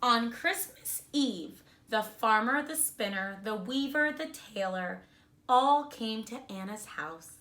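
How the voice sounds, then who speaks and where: A woman reading a storybook aloud to young children in a kindergarten teacher voice, expressively and deliberately, explaining words simply as she goes. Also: fairly high pitch, animated, sharp tone.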